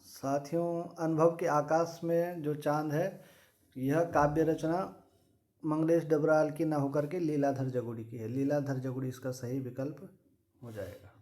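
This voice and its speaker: Man, exam prep teacher, fairly high voice, methodical, reading questions and answers. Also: unhurried. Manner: steady, methodical, repeats set phrases.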